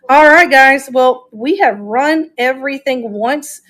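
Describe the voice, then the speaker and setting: With a high, somewhat bright voice and a slow pace, a woman runs an informal auction on a live stream. She presents every item with enthusiastic chatter, thinking out loud along the way.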